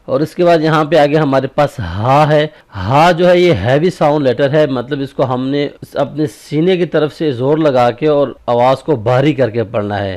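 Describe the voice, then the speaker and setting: A man teaching Quran recitation in a slightly higher voice, explaining each sound patiently. He walks through every step and keeps pausing to ask if the listener follows. He often stretches a phrase into a slow, drawn-out recitation. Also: darkish tone. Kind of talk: tajweed lesson.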